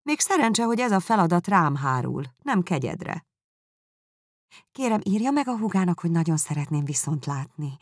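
A woman reading aloud, voicing a fawning young society lady who gushes with flattery. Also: dry recording, studio quality. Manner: fawning, effusive, shrill.

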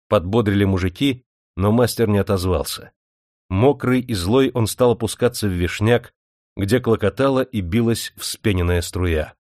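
A man narrating a novel in steady, measured storytelling. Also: fairly low pitch, no room sound. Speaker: audiobook narrator. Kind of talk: scripted narration. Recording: dry studio audiobook recording.

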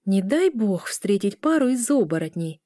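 A woman voicing a cheeky, quick-tempered teenage girl who answers back indignantly. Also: big pitch swings, mellow, no room sound, studio quality, close to an everyday voice. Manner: shrill, indignant teasing.

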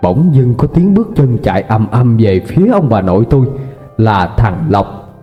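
A man's voice: on the low side, very animated, moderate pace. A man narrating a ghost story in a dramatic, suspenseful way. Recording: dull lo-fi with faint music.

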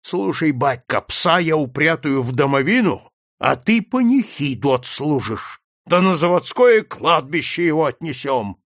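Guy doing a furious tyrant mill owner yelling threats, lively up-and-down voice, dry sound. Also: a little high, a little slow, dry recording, exaggerated voice. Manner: shouting, threatening. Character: domineering wrathful male factory owner.

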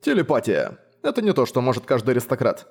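A pompous vampire aristocrat, vain and quick to take offense, read by a man narrating the book. He lectures and excuses himself with lofty indignation. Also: medium pitch, wildly swooping pitch, creaky, a little mellow, breathy edge, full character voice. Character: vain, cowardly old vampire baron.

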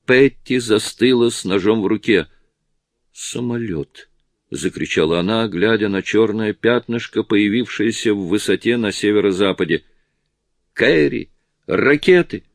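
A man reading a novel aloud in steady, measured audiobook narration. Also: on the low side, no echo, studio quality. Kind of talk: scripted narration.

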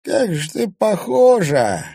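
A shrill, spiteful old crone. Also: male voice, wildly swooping pitch, vocal fry, mellow, breathy edge, no echo, clean studio sound, full character voice. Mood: ominous. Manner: shrill, drawn-out, mumbling.

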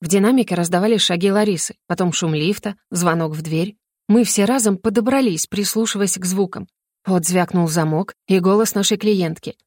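A woman narrating an audiobook in a steady storytelling voice. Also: mid-range voice, fairly quick, no echo, clean studio sound.

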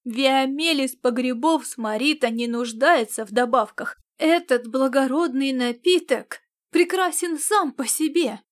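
A woman voicing a tall, picky male spy and gourmet who loudly protests and scolds. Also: high-pitched, normal speed, few pauses, natural voice. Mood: indignant. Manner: indignant, loud outbursts.

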